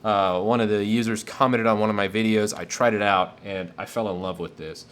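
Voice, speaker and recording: A man's voice: fairly low pitch, fairly even intonation, brisk, fairly bright tone, clean tone. A man casually answering viewer questions on a live tech stream, enthusiastic and rambling with fillers.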